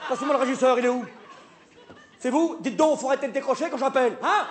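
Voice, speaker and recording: A man playing a flustered, stammering male theatre director in a live comedy sketch, hesitating and then bursting into shouts. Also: very high-pitched, fast talker, a crowd in the background. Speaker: comic stage performer. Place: theatre stage with live audience. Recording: live stage recording, audience noise.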